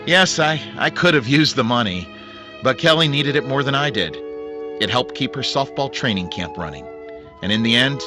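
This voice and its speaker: A man playing a measured, wry noir detective, a principled investigator narrating his case in an old-time radio drama. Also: medium pitch, natural voice.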